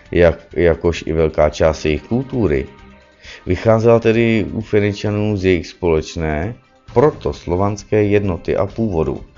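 Male lecturer, deep voice, explains step by step with frequent self-corrections; dull lo-fi recording, faint music underneath. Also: warm tone. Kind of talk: spoken lecture.

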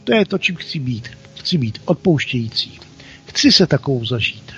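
A man voicing a tiny, excitable girl soul in a story, asking eager, breathless questions. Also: mid-range voice, highs cut off. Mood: excited.

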